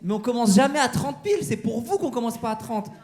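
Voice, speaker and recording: A man's voice: very high voice, animated, fast, noisy background. A man doing stand-up crowd work on a comedy club stage, teasing the audience with mock-outraged banter. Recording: live show with crowd laughter.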